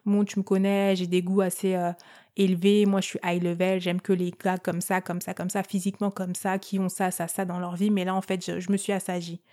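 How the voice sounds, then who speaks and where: A woman's voice: on the low side, little pitch movement, fairly quick, warm tone, close to an everyday voice. Woman retelling a bold young party girl. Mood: chatty. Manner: chatty, hesitant, full of fillers.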